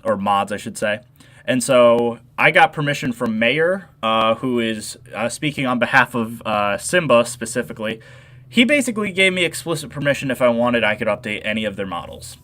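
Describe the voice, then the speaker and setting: A young man with a nasal voice hosts a casual modding livestream into a desk microphone. He rambles, doubles back and answers chat as he goes, at an ordinary middle pitch. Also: a bit bright.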